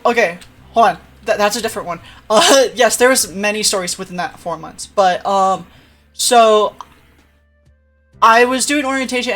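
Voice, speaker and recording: A woman's voice: on the high side, a bit bright. A young adult woman telling a rambling story on a live stream, often tagging "right?" and restarting sentences. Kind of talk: casual storytelling chat.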